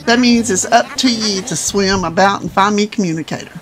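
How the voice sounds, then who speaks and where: A woman's voice: medium pitch, a little fast, soft background music, close to an everyday voice. A woman reading game dialogue aloud, voicing a boastful male pirate seagull in salty sailor talk. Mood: dramatic.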